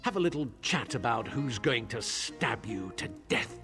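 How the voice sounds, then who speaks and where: An actor voicing a mocking, menacing schemer in a fantasy video game, with a sardonic manner. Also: male voice, medium pitch, lively intonation, normal speed, over music, lightly acted.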